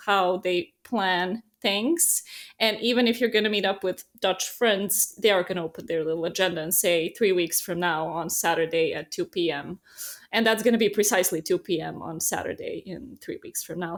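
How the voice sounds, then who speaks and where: A woman from Serbia, chatting as a guest in a casual interview and telling stories with lots of fillers. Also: medium pitch. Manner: chatty, animated storyteller, many fillers.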